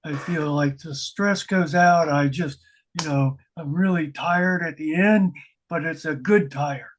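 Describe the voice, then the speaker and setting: An older man sharing memories in a casual workshop, relaxed and hesitant with frequent fillers. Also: fairly high pitch, unhurried. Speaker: conference participant.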